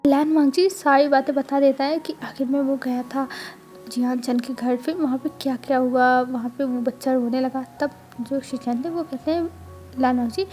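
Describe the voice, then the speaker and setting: A woman casually narrating a fanfiction story in a chatty, explanatory way, pausing often. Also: high voice, steady tone, mellow, soft background music.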